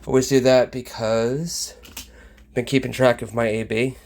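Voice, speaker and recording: Gravelly man rambling through a game. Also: medium pitch, flat delivery, unhurried, a little mellow. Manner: rambling with many ums and uhs. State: slightly out of breath. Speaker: mobile game vlogger. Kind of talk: casual gameplay commentary.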